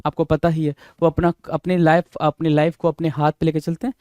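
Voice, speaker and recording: A man with a high, smooth and resonant voice teaches English idioms for an exam-prep lesson. He switches between Hindi and English and drills each phrase slowly. The sound is dry and close. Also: flat delivery, a little mellow, no room sound. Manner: asks rhetorical questions to students.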